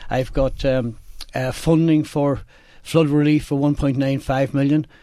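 A man with a Donegal accent speaks as a candidate in a live radio interview. His delivery is halting, circling back over phrases, at a middling pitch. The studio sound is close and dry. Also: fairly even intonation, mellow, no echo. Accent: Donegal Irish. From Donegal, Ireland. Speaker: election candidate, independent councillor. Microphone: studio microphone.

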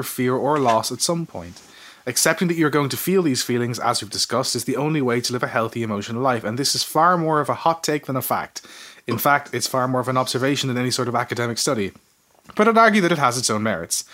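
A man co-host reads his own essay aloud, earnest and a little self-mocking. He talks fast with a bright, forceful tone. His pitch sits in the middle. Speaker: podcast co-host. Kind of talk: casual chat, reading an essay.

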